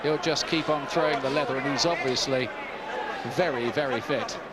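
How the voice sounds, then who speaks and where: A man's voice: mid-range voice, normal speed. A man giving live play-by-play boxing commentary from ringside. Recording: loud crowd and noise behind commentary.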